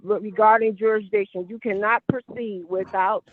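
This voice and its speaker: A woman's voice: mid-range voice, steady tone, moderate pace. A woman speaking in court as a defendant on a phone-line hearing recording, insistent and repeating her objections and questions. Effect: courtroom hearing recording over a phone-like line. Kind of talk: argumentative courtroom exchange.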